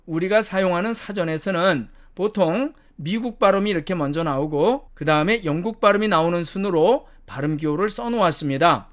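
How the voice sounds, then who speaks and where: A man teaching a structured lecture, explaining each example step by step and repeating words slowly. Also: high-pitched. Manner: methodical, repeats each word twice slowly. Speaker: English teacher. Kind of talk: lecture on pronunciation.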